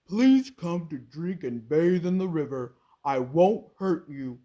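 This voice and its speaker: Woman acting a loud, big male crocodile. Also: low-pitched, expressive, heavily acted. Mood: grateful, welcoming. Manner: loud, shouting, drawn-out delivery. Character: big selfish grumpy male crocodile, later grateful.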